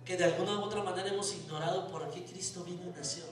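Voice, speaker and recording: Male pastor, storytelling sermon, swings from hush to shout, high voice, distant mic. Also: steady tone, fast talker. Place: church sanctuary. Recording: echoey church hall, distant mic, music.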